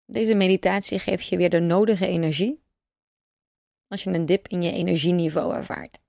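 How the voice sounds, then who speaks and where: A woman guiding a breathing meditation, speaking calmly and slowly in a soothing way with long pauses. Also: lowish voice, vocal fry, dry recording, clean studio sound. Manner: calm, slow, soothing instruction with long pauses. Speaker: meditation guide. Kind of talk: guided breathing meditation narration.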